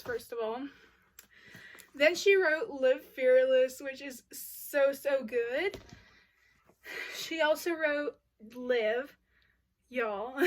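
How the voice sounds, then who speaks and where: A young woman talks through her favorite books in a relaxed, unhurried way. Her voice sits high, and she gushes with plenty of filler words. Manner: gushing, uses y'all and like often. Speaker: book vlogger. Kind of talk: casual book review chat.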